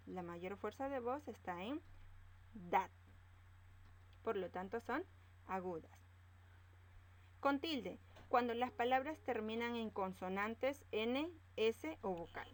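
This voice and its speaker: A woman teaching a grammar lesson, slowly spelling out words and stressing each syllable. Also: mid-range voice, rough recording.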